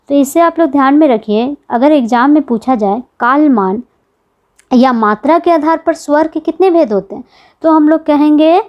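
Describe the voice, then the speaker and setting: A woman's voice: sits high, highs cut off. A woman teaching an exam-prep grammar lesson, patiently repeating key points and asking the class questions.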